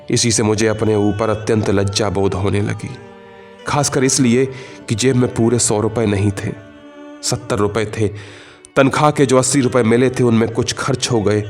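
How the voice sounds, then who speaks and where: In a lowish voice, a man reads a literary short story told in the first person. His reading is measured and literary, with quiet emotional shifts.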